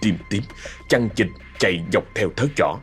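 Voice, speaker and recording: A man's voice: lowish voice, normal speed, faint music behind. A man narrating a ghost story vividly and dramatically.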